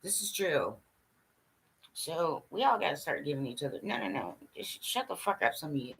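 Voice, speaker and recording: In a rough recording with slight background noise, a livestream host talks at normal speed with a low-pitched, sing-song voice that is fairly bright and carries vocal fry. She addresses viewers directly, asking for their agreement while she swears and laughs through a scattered, blunt monologue.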